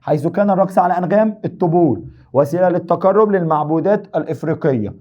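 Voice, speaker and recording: A man's voice: on the high side, fast talker, lo-fi sound. A man with an Egyptian Arabic accent teaching an exam review lesson, joking and teasing his students as he explains.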